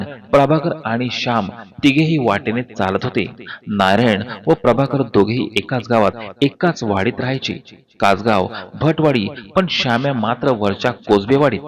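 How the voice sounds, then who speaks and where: A man narrating a scripted story in a steady, measured reading voice. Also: mid-range voice.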